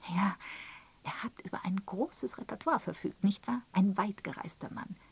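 A woman reading the part of a gossiping, sharp-tongued spinster in an audiobook, pointed and emphatic in tone. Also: medium pitch, moderate pace, vocal fry, breathy edge, whispered, pitched above the performer's own voice. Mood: gossipy. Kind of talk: audiobook character voice.

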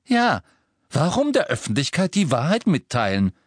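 A man's voice: a little high, wildly swooping pitch, normal speed, slightly rough, no room sound, pitched above the performer's own voice, full character voice. A man voicing a bitter, earnest teenage boy wizard in an audiobook. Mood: sarcastic. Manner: earnest, sarcastic.

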